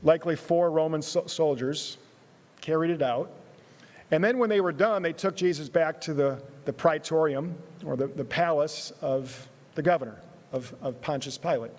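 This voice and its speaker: A man preaching a sermon in an earnest way, repeating words, moving between loud emphasis and hushed, quiet phrases. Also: a little high, normal speed. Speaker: pastor. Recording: long hall reverb.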